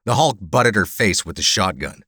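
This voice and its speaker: Deep guy reading a crime story, crisp forceful voice, dry close sound, low-key delivery. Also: animated, no echo. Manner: measured, dry and understated. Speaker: audiobook narrator. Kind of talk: first-person scripted narration.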